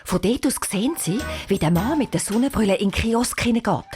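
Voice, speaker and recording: A woman with a Swiss German accent narrating a children's audio story in an expressive, storytelling manner. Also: medium pitch, fairly quick, soft background music.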